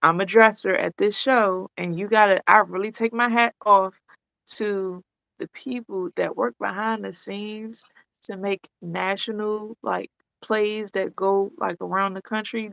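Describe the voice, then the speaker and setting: A woman co-hosting a casual podcast chat, talking in a relaxed, slangy way with bursts of animated emphasis. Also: medium pitch, no room sound, poor audio. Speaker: co-host.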